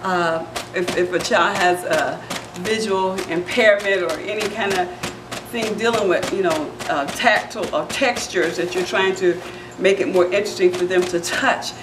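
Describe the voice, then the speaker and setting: A middle-aged woman gives a friendly, rambling how-to demonstration in a large indoor playroom. She stands well back from the camera's microphone, so her voice carries a roomy echo, with a steady hum of background noise under it. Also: on the low side, normal speed. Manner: friendly, chatty, restarts mid-sentence. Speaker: founder and director of a center for children. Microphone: camera microphone from across the room. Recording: echoey room heard from a distance.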